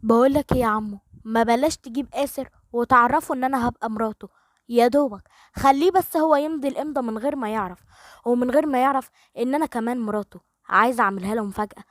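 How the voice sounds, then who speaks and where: A feisty young woman answers back boldly and teasingly as a narrator puts her on. She has an Egyptian Arabic accent, a fairly high voice and a rapid pace. The recording is dry and close. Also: no room sound, close to an everyday voice. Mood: earnest. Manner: bold and teasing.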